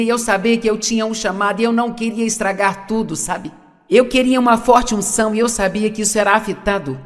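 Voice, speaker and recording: A woman's voice: a little high, in a large hall. A woman preaching a sermon, asking the audience questions and repeating her key points.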